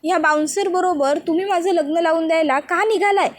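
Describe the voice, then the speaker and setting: A woman's voice: extremely high pitch, a little fast, pitched above the performer's own voice. A woman voicing a defiant young woman protesting to her father about an arranged marriage. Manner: pleading, protesting.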